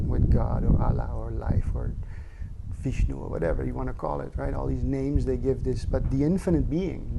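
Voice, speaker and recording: A man's voice: mid-range voice, creaky, heavy background noise. A man, a spiritual teacher, giving an earnest, reflective satsang talk with casual asides and rhetorical questions.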